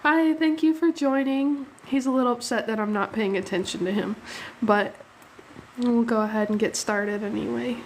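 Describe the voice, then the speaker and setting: Slightly sniffly after a cold, a young woman runs a relaxed drawing stream from home. Her voice is a bit higher than average, and she chats freely with viewers, thanking them quickly and laughing often, over a faint hiss or hum.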